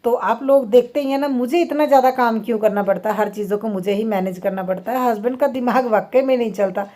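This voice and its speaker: A woman's voice: on the high side, fairly even intonation, fast talker, mellow. Chatty woman with a raised voice. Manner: chatty, laughs often, many "है ना" fillers. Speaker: homemaker vlogger. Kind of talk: casual vlog chat while doing chores. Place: home kitchen.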